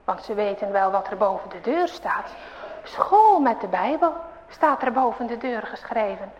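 A woman telling a children's story in an expressive, animated way. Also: mid-range voice, normal speed, in a large hall, rough recording.

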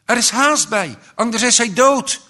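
A man reading a story voices a panicked mother, crying out in a shrill, frantic voice. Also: a little slow, sharp tone, heavily acted. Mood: urgent. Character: panicked mother screaming for her son.

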